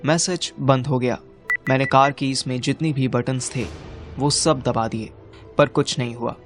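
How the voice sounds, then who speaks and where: A man's voice: medium pitch, steady tone, measured pace, faint music behind. A young man narrating an audio drama in the first person, with urgent, exasperated dialogue. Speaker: narrator and lead character.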